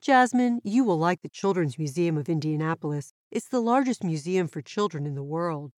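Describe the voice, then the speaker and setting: A woman voicing a smart, patient tortoise who explains things precisely and in a measured way for a children's educational show. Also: lowish voice, expressive, a little mellow, dry recording, studio quality, natural voice. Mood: informative. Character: super smart tortoise, patient, knowledgeable and friendly. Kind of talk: scripted educational dialogue for children.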